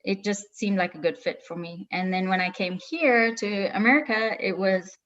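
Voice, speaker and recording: A middle-aged woman with a South African accent, a travel advisor answering interview questions in a warm way, laughing easily. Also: mid-range voice, moderate pace, muffled recording.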